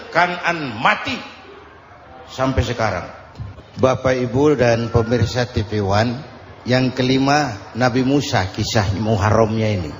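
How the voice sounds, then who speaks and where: High-voiced preacher in an echoey hall. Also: male voice, slight background noise. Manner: dramatic, acts out characters with shouted calls. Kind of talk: lively storytelling sermon. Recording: echoey hall, faint ambience.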